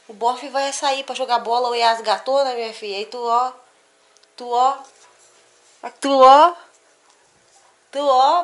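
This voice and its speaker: Chatty Brazilian mom vlogger. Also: female voice, fairly high pitch. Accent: Brazilian Portuguese. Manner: chatty, teasing, talks straight to viewers. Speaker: vlogger and mother. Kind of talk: casual talk to camera. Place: at home, indoors.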